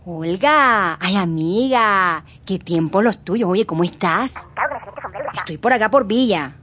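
An actress playing a sulky grown daughter who complains in a whiny, sarcastic way. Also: female voice, medium pitch, lively intonation, slow, a bit bright, a little hiss or hum. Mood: grumbling. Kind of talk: dramatic comic acting.

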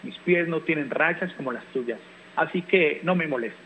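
A man's voice: on the high side, normal speed, a bit bright, slight background noise, poor audio. A man reading aloud and voicing a grumpy female walrus who growls and answers curtly. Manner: growling, curt.

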